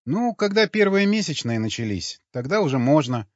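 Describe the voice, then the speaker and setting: A man reading an audiobook, voicing a meek, naive young woman who talks in a soft, docile, matter-of-fact way. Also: a little high, sing-song, normal speed, no room sound, pitched above the performer's own voice. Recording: dull lo-fi recording.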